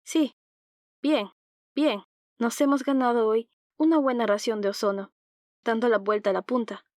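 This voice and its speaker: A woman's voice: a little high, fairly even intonation, normal speed, a little mellow, no echo, studio quality, close to an everyday voice. A woman reading an audiobook, voicing a jovial middle-aged father as a hearty dinner host. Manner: hearty, genial storytelling tone.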